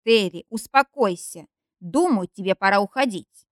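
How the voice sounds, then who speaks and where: Audiobook: fed-up young man, read by a woman, firm and stern, lively pitch, dry recording. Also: moderate pace, no echo, lightly acted. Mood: firm, weary. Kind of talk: audiobook character reading.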